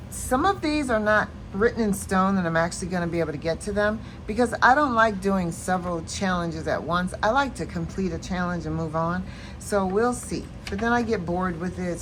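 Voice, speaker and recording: A woman casually walking through her savings challenges in a planner vlog, relaxed and chatty with many fillers, tired and yawning late at night. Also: on the low side, moderate pace, slight background noise. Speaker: planner and budgeting vlogger. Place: at home at night.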